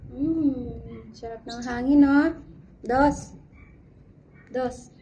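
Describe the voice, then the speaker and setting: Slow-talking woman cooing to her cats. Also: on the high side, warm tone, a little hiss or hum. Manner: coos and sing-song baby talk to her cats, mixing Filipino and English. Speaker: vlogger filming her cats. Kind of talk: casual baby talk to pets. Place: outdoors, breezy sunny spot.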